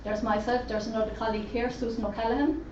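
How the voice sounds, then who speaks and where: Speaking for a deaf presenter in the first person, this woman interpreter has a fairly high, a little mellow voice with a flat, quick delivery. She's in an echoey conference room at a roundtable event, captured in roomy, distant, dull lo-fi audio with faint noise.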